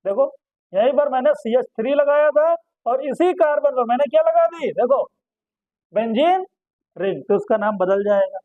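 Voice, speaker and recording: A man teaching chemistry in a very high voice. He keeps quizzing his class and answers his own questions at once. The sound is dry and close, with a dull, muffled tone. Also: lively intonation, moderate pace, no room sound. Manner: asks students questions and answers them himself, repeats terms. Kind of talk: classroom lecture.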